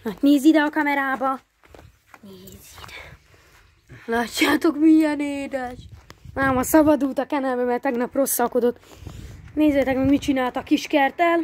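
High-pitched woman vlogger soothing her dog outdoors, filming on a handheld camera. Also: steady tone. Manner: coaxing, babying talk to the dog. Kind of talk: casual chat to camera and dog. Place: outdoor yard. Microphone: handheld camera she is filming with.

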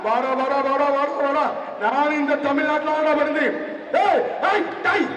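A man calling a bull-taming event through a public-address loudspeaker, excited and shouting repeated short cries. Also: very high-pitched, normal speed, slight background noise. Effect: heard through a public-address loudspeaker. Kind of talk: live commentary over loudspeaker. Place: open-air arena with a large crowd. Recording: echoing loudspeaker from far off over crowd.

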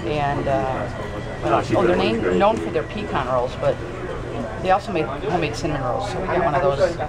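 A woman's voice: deep voice, lively intonation, brisk, over a noisy crowd. A woman in her thirties co-hosting a family vlog, chatting casually about her news, food and the trip, recorded on a handheld camera in a car and a diner. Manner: chatty, upbeat, lists food and sights. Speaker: vlog co-host. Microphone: handheld camera at arm's length. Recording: background noise from car and diner.

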